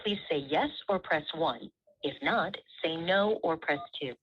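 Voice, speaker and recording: A woman's voice on a recorded automated phone menu, heard over a speakerphone, reading prompts in a measured, polite way. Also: sits low, slightly rough. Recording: muffled speakerphone audio.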